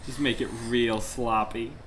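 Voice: medium pitch, fairly even intonation, measured pace, very noisy. A podcast guest who edits the show, wry and laughing, swearing casually.

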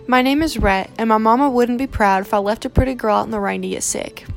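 A woman voicing a kind, stubborn and protective young man who talks in a gentle, coaxing way in a storybook reading. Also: a little high, quick pace, gravelly, soft background music.

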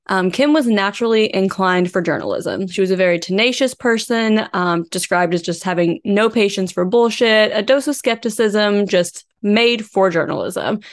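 Woman true crime podcaster, average pitch, casual storytelling kinda reading from her notes. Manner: conversational, informal storytelling from researched notes. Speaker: podcast co-host. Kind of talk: true crime podcast, case narration mixed with casual chat.

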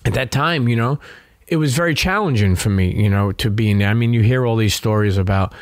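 A man's voice: fairly low pitch, a little fast, dry recording. A middle-aged man with a Brooklyn New York accent, telling stories candidly as an interview guest in a streetwise, profane way peppered with "you know.". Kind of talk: candid conversational storytelling.

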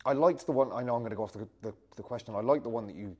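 Male interview guest, medium pitch, informal, thinks aloud, casual conversational delivery. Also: racing, darkish tone. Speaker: grappler guest being interviewed. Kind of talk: casual chat.

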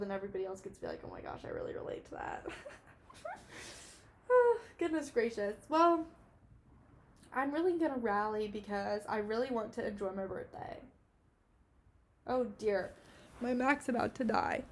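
A woman's voice: mid-range voice, slight background noise. A woman in her early twenties hosting a solo podcast, talking in a rambling, emotional way with many "like"s. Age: 20s. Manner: rambling and emotional, heavy use of "like". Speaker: podcast host. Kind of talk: casual solo podcast monologue.

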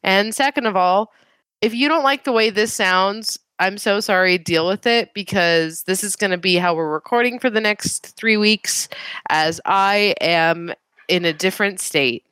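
A congested woman co-hosts a podcast remotely from home, talking into a gaming headset in a playful, sarcastic casual chat. Her mid-range voice is smooth and a bit bright, at a measured pace, with no room sound.

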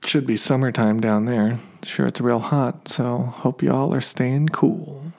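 A man's voice: mid-range voice, fairly even intonation, slow, vocal fry, a little mellow. A man with an American accent hosting a podcast in a casual solo chat. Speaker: podcast host.

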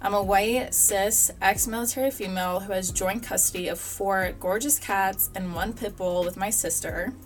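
A woman's voice: medium pitch, steady tone, normal speed, few pauses. A woman in her twenties from Central Florida giving a friendly, chatty self-introduction. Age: 20s. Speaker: podcast contributor. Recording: distant mic with faint music.

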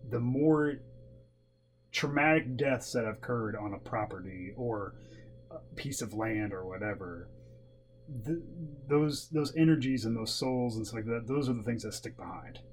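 Guy chatting casually on a spooky podcast, medium pitch, hum and noise behind him. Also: moderate pace, low-quality recording. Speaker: podcast co-host. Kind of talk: casual podcast chat about ghost stories. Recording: clear background noise with hum.

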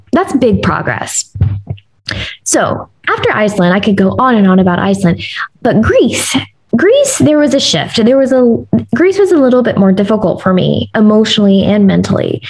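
A young woman from the United States tells personal stories in a relaxed, chatty way, speaking straight to her listeners. Her voice is slightly husky and breathy, and sits at an ordinary pitch for a woman. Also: poor audio. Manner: chatty and candid, addresses listeners directly. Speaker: vlogger sharing personal stories. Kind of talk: casual first-person storytelling.

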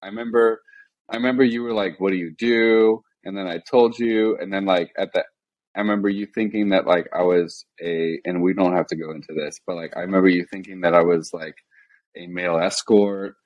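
A young man from the Midwest talks on a podcast in a very deep, low register. He keeps a flat, deadpan monotone and strings his thoughts together with steady "like" and "um" fillers. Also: fairly quick, lo-fi sound. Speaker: podcast guest. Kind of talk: casual podcast chat.

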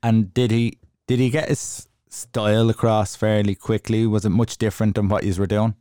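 A man's voice: fairly low pitch, flat delivery, moderate pace, dark tone, clear, resonant tone, no room sound, clean studio sound. A man with an Irish accent, casually interviewing a guest as a podcast host.

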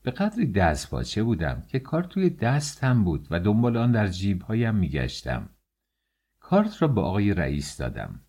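A man narrating a first-person audiobook in a lively, colloquial storytelling manner. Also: lowish voice, husky.

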